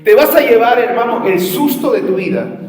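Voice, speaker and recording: A man preaching at an evangelism seminar, passionate, swinging from shouted challenges to quiet storytelling. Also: very high voice, expressive, moderate pace. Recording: echoey hall with faint music.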